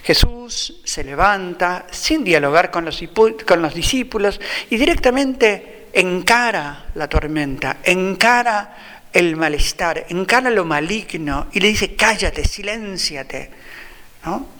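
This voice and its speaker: A man's voice: sits high, expressive, unhurried, bright, forceful tone, big-room sound. A man with an Argentine accent, a Franciscan friar preaching a sermon in a reflective way, often repeating phrases for emphasis. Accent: Argentine Spanish.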